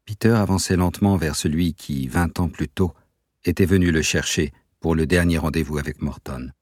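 A man reads a novel aloud in a measured, even narration. His voice is extremely deep with a husky edge. The recording is dry and close. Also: no echo. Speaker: audiobook narrator. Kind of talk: scripted narration.

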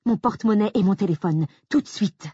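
A woman voicing a frightened young wife who pleads and accuses in a shrill, near-hysterical voice, from an audiobook. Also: fairly quick, mellow, breathy edge, no room sound, dull audio, lightly acted. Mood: panicked. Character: frightened young woman insisting on her story.

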